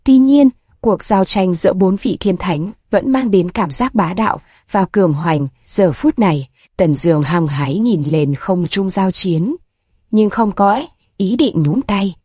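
A woman narrating a martial fantasy novel as an audiobook, at a steady, even storytelling pace. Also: mid-range voice, measured pace, husky, dry recording, clean studio sound.

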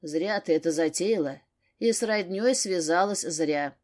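A woman's voice: on the low side, moderate pace, darkish tone, natural voice. A woman reading an audiobook, voicing a grumbling, disgruntled husband. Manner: grumbling, muttering.

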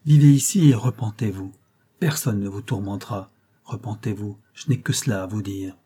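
A man voicing a calm stern gentleman. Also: fairly low pitch, husky. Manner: quiet and measured.

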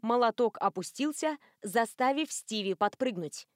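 A woman reading an audiobook as narrator in an even, clear storytelling manner. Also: on the high side, measured pace, no room sound, studio quality. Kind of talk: scripted narration.

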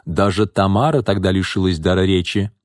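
A man's voice: low-pitched, fairly even intonation, a little fast, no echo, clean studio sound, lightly acted. A man voicing an easygoing, amused man in an audiobook.

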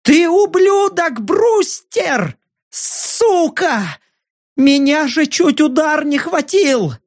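A man's voice: high-pitched, big pitch swings, slow pace, no room sound, studio quality, voice pushed up, full character voice. A man doing a squealing, cowardly fat journalist. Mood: angry. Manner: stammering, squealing and pleading. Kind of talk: audiobook narration.

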